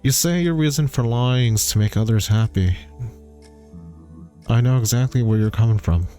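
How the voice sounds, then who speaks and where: A man plays a grieving spirit of a father who presses with stern, measured questions. His voice is mellow and soft-edged, his delivery unhurried and heavy. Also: mid-range voice, soft background music, natural voice. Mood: solemn, probing. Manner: slow, solemn, probing questions.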